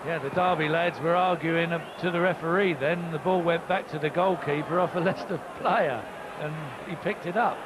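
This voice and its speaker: A man's voice: on the high side, fairly even intonation, moderate pace. A man giving conversational co-commentary on a football match, reacting to and explaining the play. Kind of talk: live football punditry, conversational. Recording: very noisy, loud stadium crowd. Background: noisy football crowd.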